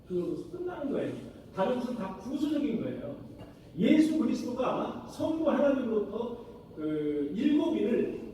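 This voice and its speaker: A high-voiced male pastor delivers a sermon in a church sanctuary, asking the congregation rhetorical questions. His tone is mellow. The recording is distant and echoey, with slight background noise.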